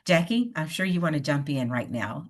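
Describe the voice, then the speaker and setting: A woman's voice: low-pitched, big pitch swings, moderate pace. A woman presenting an online workshop on a video call, coaching listeners and often checking in with "right?". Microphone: computer mic on a video call.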